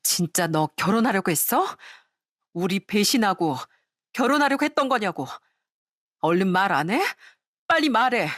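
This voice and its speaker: A woman's voice: mid-range voice, very animated, moderate pace, long pauses, fairly bright tone, no room sound, clean studio sound. A woman voicing a scornful ex-wife who sneers and scolds.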